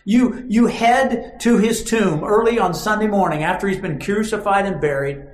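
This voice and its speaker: High-voiced male preacher in an echoey room. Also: normal speed. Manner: dramatic storytelling, acting out quoted lines. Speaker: pastor. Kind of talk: sermon. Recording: roomy echo.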